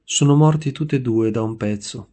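A male narrator plays a timid, humble teenage boy in a spoken storybook. He answers in short, shy phrases, in a mellow, dark tone. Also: medium pitch, fairly quick, lightly acted.

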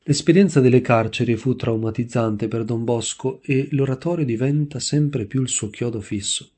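A male narrator reads a scripted story in a measured, solemn way. His voice is dark and mellow, sitting at a middling pitch. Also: slightly rough.

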